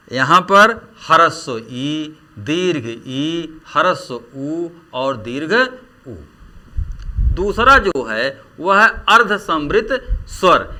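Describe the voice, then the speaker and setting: A man teaching Hindi grammar in a lecture, drawing out vowels slowly as he demonstrates them. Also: fairly high pitch, pushed and bright. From India. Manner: slow, drawn-out vowel demonstrations. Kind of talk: classroom lecture.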